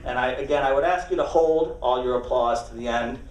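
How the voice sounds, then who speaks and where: A man speaking as a coach at a banquet, giving an informal, off-the-cuff speech in a halting way. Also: mid-range voice. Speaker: college soccer coach. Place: large banquet room, speaking to a gathering. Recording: roomy echo, distant microphone.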